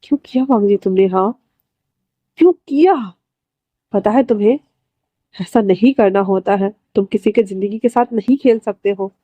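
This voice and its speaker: A woman's voice: mid-range voice, fairly even intonation, moderate pace, no echo, phone-quality sound, natural voice. A woman voicing a stern mother scolding her grown son in a storybook reading.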